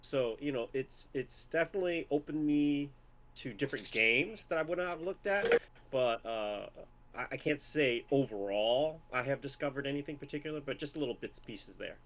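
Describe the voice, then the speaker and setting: A man hosting a streamers' podcast, speaking in a measured, thoughtful way. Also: mid-range voice, animated, a bit bright, lo-fi sound, slight background noise. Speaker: podcast host. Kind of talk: casual chat.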